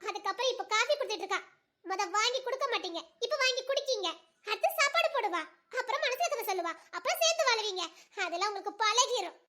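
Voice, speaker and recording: A woman's voice: extremely high pitch, animated, quick pace, heavily acted. Woman playing a bitter, defiant young wife. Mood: reproachful. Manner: sharp, bitter, reproachful. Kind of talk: audio drama acting.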